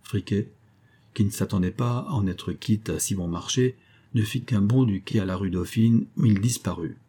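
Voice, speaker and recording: A man reading a classic novel aloud as audiobook narration, in a steady, measured way. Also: lowish voice, slightly rough. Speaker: audiobook reader.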